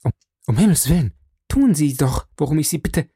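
A man voicing a young woman who gives urgent, hurried warnings on a lonely moor. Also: on the high side, animated, mellow, slightly rough, no echo, studio quality, voice pushed up.

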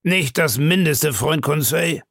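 A man reading an audiobook, voicing a blunt, hearty harpooner with a gravelly voice. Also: a little high, slow pace, a bit bright, no echo, clean studio sound, voice pushed up, full character voice. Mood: gruff. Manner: blunt, impatient retorts. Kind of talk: audiobook character voice.

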